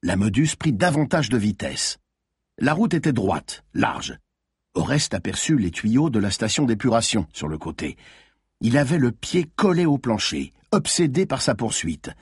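A man's voice: mid-range voice, big pitch swings, normal speed, husky, dry recording, clean studio sound. A man reading a thriller audiobook aloud with tense, dramatic narration.

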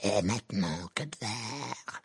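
Man doing a menacing dark wizard, icy, slow drawl, gravelly, dry sound. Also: on the low side, lively intonation, dry recording, heavily acted. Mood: icy menace.

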